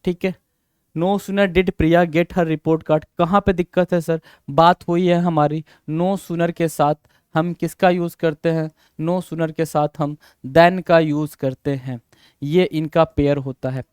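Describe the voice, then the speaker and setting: Patient Indian teacher, smooth higher voice. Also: male voice, fairly even intonation, a little mellow, no echo, studio quality. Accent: Indian English. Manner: patient, repetitive, quizzes students with questions he answers himself; reads exam sentences slowly word by word. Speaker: English grammar teacher. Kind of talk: exam-prep lesson in mixed Hindi and English.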